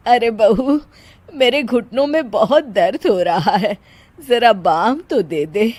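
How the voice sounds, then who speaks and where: A woman's voice: a little high, lively intonation, takes it slowly, darkish tone, no room sound. A woman doing a scolding older mother-in-law. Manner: scolding, raised voice. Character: stern older mother-in-law, easily offended.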